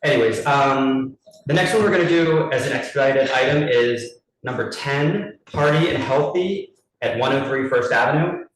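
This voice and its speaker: A man runs a committee meeting heard through a group video call, speaking at an ordinary middle pitch in a businesslike, list-reading way. His voice comes from a distance in a very echoey room, with faint noise underneath. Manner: brisk, businesslike, reads lists with small restarts. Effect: heard over a group video call. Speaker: committee chair at a public meeting. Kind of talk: reading out license terms and running a vote. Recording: very roomy echo from a distant mic, faint noise.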